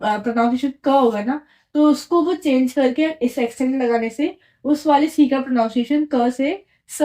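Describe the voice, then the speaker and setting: A woman with a high, warm voice explains a French lesson at a whiteboard. She teaches patiently, repeating points and often checking in with the listener by asking "right?".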